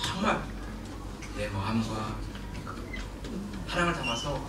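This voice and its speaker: Male pastor, animated sermon delivery, distant mic in a noisy echoing sanctuary. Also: mid-range voice, slow pace. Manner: animated, laughing and shouting in bursts. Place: church sanctuary. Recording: echoey hall from far off, noisy.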